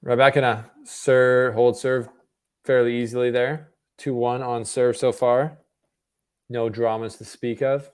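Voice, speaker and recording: A young man from Canada provides casual live watch-party commentary on tennis from home, speaking a little slowly with a clean tone at an ordinary middle pitch. He's chatty and laid-back, leaning on fillers and often correcting or restarting himself.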